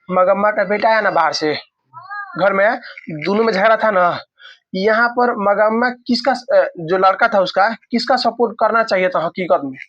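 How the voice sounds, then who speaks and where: High-voiced man explaining a story. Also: fairly bright tone, no room sound, highs cut off. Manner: repetitive, asks the class questions, dialect words. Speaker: teacher. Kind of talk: retelling and explaining a story in class.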